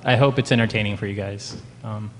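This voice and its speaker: A man's voice: on the low side, fairly even intonation, brisk. A man from Peru introducing himself as a panelist, nervous and giggly, with hesitant starts. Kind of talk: live panel talk. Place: museum event hall before an audience. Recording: live hall reverb, faint room noise.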